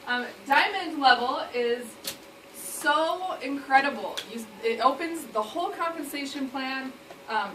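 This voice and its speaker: High-voiced woman firing up a room. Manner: energetic, rallying the crowd, keeps asking "okay?". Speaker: event presenter. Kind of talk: motivational sales pitch to a live audience. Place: indoor meeting room with an audience. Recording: echoey room, distant mic, noisy.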